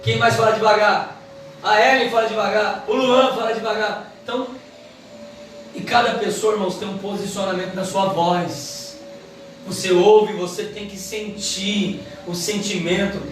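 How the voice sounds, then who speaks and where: A woman's voice: mid-range voice, steady tone, slight background noise. Woman teaching in an echoey church. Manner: quick, emphatic preaching delivery. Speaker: Bible teacher. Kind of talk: church Bible lesson. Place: church hall. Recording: echoey hall, mic from far off.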